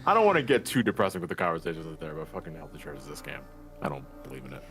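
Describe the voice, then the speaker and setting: A man's voice: rumbling low, expressive, racing, music in the background. A man rambling and swearing in casual chat on a gaming stream. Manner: rambling, swears, laughs a lot.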